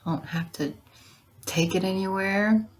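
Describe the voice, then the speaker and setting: A woman chatting casually to viewers in a halting way, her hoarse voice giving out and breaking into whispers. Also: mid-range voice. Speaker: vlogger.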